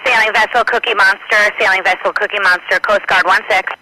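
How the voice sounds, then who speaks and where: A man's voice: sits high, fairly even intonation, fairly quick, sharp tone. A man working as a coast guard radio operator, speaking in radio procedure over a crackly military radio. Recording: crackly, noisy VHF radio transmission.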